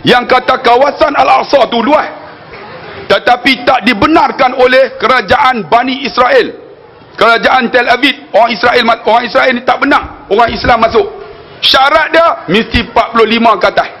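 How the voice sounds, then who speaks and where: High-voiced preacher man, northern Malaysian accent. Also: normal speed, sharp tone, slight background noise. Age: 40s. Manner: storytelling, keeps addressing the audience as "tuan-tuan"; jokey asides to the crowd. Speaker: religious preacher. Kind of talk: religious lecture.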